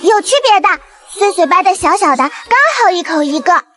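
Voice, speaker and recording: A woman voicing a sweet, clingy little girl in an animated drama, talking in cutesy baby talk and calling herself by name. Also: very high-pitched, moderate pace. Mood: coaxing.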